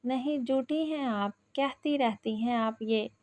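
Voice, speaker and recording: A spoiled, jealous young woman on the edge of hysteria, voiced by a woman reading a story aloud, in a slightly high voice. She pleads and wails desperately. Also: a little mellow, natural voice. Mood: hysterical. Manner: desperate, wailing.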